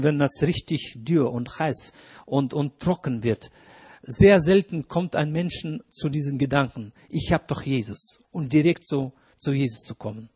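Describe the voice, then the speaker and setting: Husky-voiced man preaching with rising emphasis. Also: on the high side, a little mellow. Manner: earnest, hesitant with restarts and fillers, rises when stressing points. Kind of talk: sermon.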